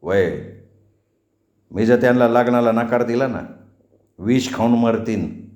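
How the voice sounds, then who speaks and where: A man's voice: medium pitch, slow, a little mellow, lightly acted. A man playing a defiant young village lover. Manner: defiant, intense. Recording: roomy echo.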